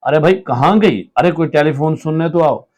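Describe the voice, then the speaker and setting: A man's voice: mid-range voice, normal speed, close to an everyday voice. A man doing a sick, irritable husband. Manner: groaning, irritable, snapping. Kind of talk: dramatic reading of a play.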